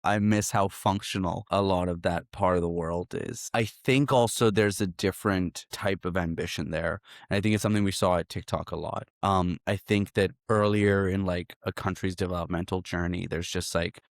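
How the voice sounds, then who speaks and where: Male guest from Hong Kong, low voice, dry close sound, reflective and relaxed, repeats phrases. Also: moderate pace, hardly any pauses, no echo. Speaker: guest, startup founder. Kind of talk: casual interview.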